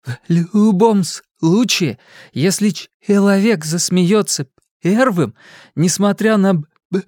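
A man's voice: sits high, takes it slowly, darkish tone, dry recording, studio quality, pitched above the performer's own voice. A reader doing a stammering earnest boy. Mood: earnest, halting. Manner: heavy stutter on first sounds.

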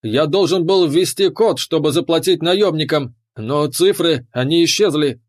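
A man's voice: on the high side, moderate pace, no room sound, studio quality, lightly acted. A man voicing a panicky male toad-like alien crime boss. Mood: dazed.

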